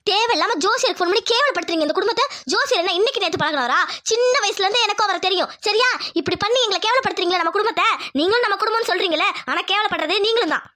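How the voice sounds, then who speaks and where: A woman's voice: extremely high pitch, expressive, racing, hardly any pauses, pushed and bright, full character voice. A woman voicing a caring, protective middle-aged village mother-in-law in a Tamil cartoon family drama, scolding and dramatic. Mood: stern.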